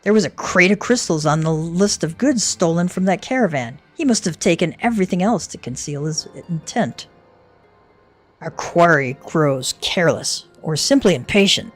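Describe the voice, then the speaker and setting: A woman voicing a composed female investigator from a fantasy game, with formal, measured delivery in a low voice. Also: expressive, soft background music. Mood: resolute.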